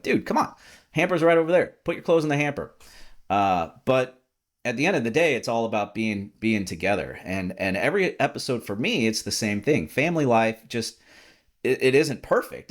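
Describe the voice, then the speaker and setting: A man with a fairly low voice hosts a podcast in a relaxed, talkative way. He rambles along in casual chat, stacking up fillers and repeating his words as he goes. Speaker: podcast host.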